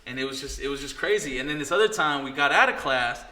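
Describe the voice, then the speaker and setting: A man's voice: mid-range voice, fast talker. A young man, a podcast guest, telling stories in casual chat, swearing and acting out the people he quotes. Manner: animated storyteller, swears, acts out quotes. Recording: echoey room.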